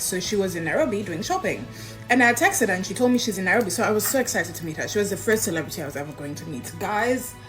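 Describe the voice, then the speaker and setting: A young woman telling her own story in an expressive way, acting out the dialogue. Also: poor audio. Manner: expressive, acts out quoted dialogue with big pitch jumps. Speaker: interviewee recounting a personal story. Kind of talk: animated personal storytelling.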